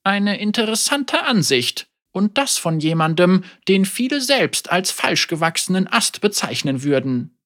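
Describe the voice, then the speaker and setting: A storybook reader voicing an elderly woman, a teacher and mother, wry, calm and gently teasing. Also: mid-range voice, unhurried, voice pushed up.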